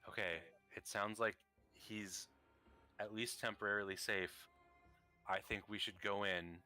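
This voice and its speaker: Deep, slow, bright-toned man playing a character. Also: fairly even intonation, soft background music. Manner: hesitant, full of fillers. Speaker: player. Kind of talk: in-character tabletop play.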